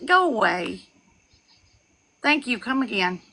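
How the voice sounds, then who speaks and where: A young woman on a live stream, ranting and gossiping in a loud, profane way, with laughs and shouted lines. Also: fairly high pitch, big pitch swings, slow pace, rough recording. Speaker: livestreamer. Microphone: phone.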